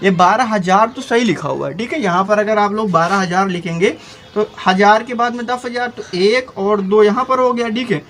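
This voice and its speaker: High-voiced man teaching a math lesson. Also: normal speed, fairly bright tone. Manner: repeats "okay" and asks rhetorical questions. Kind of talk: explaining math to students.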